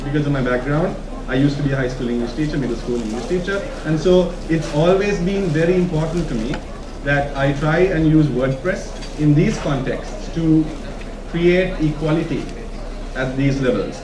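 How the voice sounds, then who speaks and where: Speaking at a moderate pace in a slightly high voice, this Sri Lankan-accented conference speaker delivers an informal presentation to a live audience, regularly asking short questions to check in with them. The conference room sounds echoey and noisy, as if recorded from a distance.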